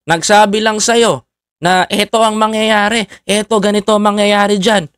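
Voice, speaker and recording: A man with a high, bright-pitched voice rants in a taunting, satirical monologue, jabbing at his target with repeated goading questions. He keeps turning to address his viewers directly. The sound is dry and close, with no room behind it. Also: level tone, moderate pace, smooth, no room sound. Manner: mocking, keeps addressing viewers as fellow countrymen; needling with repeated "ha?" and "makinig ka". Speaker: satirical political vlogger.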